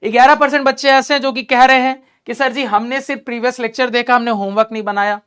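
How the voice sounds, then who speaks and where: A man's voice: extremely high pitch, fairly even intonation, quick pace, a bit bright, clear, resonant tone. A man teaching math in an online class, encouraging his students and repeating key points while talking to them directly.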